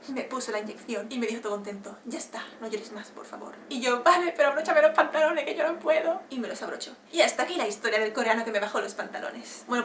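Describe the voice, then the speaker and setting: A young Spanish woman with a Castilian accent talks at high speed in a bright, forceful voice. She tells her story in an animated, expressive way and laughs as she goes. The sound is echoey, and faint background noise is heard in the room. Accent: Spain Spanish. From Spain. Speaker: vlogger. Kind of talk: casual storytelling vlog.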